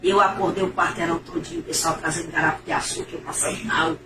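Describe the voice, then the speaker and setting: A woman's voice: on the low side, steady tone, fast. A middle-aged woman, giving an emotional, repetitive religious testimony in a preacher-like manner. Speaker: testimony giver. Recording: echoey, distant, noisy.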